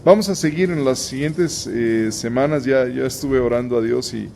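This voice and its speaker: A man leads a relaxed Bible lesson, speaking straight to his viewers in a chatty way. His voice sits at an ordinary middle pitch, and he often stops to restart a sentence. A faint hiss of background noise sits under the recording. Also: moderate pace, creaky. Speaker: host and Bible teacher. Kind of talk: conversational Bible teaching to viewers.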